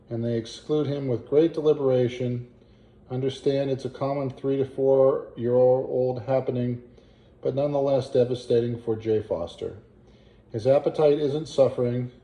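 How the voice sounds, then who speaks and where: A man reads a family letter aloud at a slow, halting pace. His voice is very mellow and dark, and he pauses to work out words or add small asides. The room around him gives the recording a clear echo. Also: mid-range voice. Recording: roomy, echoing home recording.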